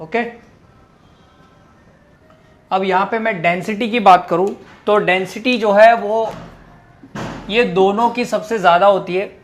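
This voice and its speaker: Faint music plays behind a man teaching chemistry in a high-pitched, steady voice. He moves methodically through each point, folds technical content into his explanation, and keeps pausing to make sure students are following.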